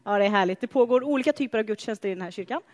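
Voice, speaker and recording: Woman, preacher, sermon, high voice, chatty animated storytelling, long church reverb. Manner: animated, chatty storytelling with playful asides to the congregation.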